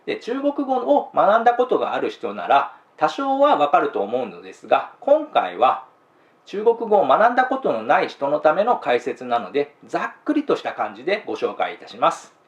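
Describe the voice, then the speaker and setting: A man narrates a scripted explainer in a polite, measured way, marking each new point with a quick "okay, next." His voice sits fairly high and moves a lot in pitch. The recording is roomy and a bit dull. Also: huge pitch swings. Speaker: channel host explaining cultural differences.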